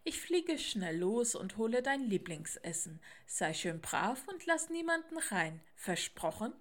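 A woman's voice: a little high, big pitch swings, a little slow. A woman voicing a caring, flustered mother owl in a storybook reading. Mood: motherly. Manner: motherly, becomes exasperated.

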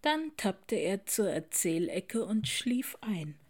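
A woman reading a children's picture book aloud in an expressive storytelling voice. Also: mid-range voice, slow pace.

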